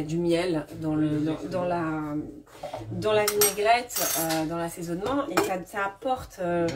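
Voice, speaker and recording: A woman's voice: lowish voice, heavy background noise. Chatty woman demonstrating a recipe in a clattering kitchen. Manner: chatty, many fillers and restarts, answers viewers' comments. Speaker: cooking demonstrator. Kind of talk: live cooking demo chat. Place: home kitchen. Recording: distant mic with kitchen clatter. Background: clinking dishes and utensils.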